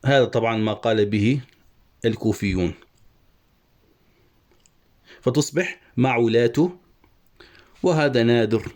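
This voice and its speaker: A man teaching an online lesson on poetic meter, methodically explaining the verse and slowly spelling out each syllable. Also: medium pitch, darkish tone. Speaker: Arabic prosody teacher.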